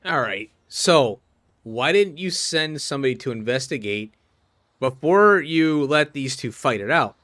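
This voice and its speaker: A man commentates casually over a video game. His bright, mid-pitched voice moves around in a lively way, and he chats and thinks aloud as he plays. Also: a little slow. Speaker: gaming video host.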